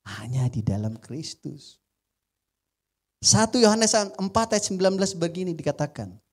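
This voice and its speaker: A male pastor with a Batak-tinged Indonesian accent preaching a sermon to a congregation, joking and swinging between loud emphasis and quiet asides. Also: high-pitched, expressive, moderate pace. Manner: often addresses the congregation as "saudara". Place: church before a congregation.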